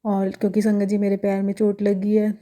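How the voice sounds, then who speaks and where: A young woman speaks casually about her devotional experiences. Her delivery is hesitant and full of fillers and pauses. Her voice stays level and flat, with a dark, mellow tone. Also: mid-range voice. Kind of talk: casual testimonial talk.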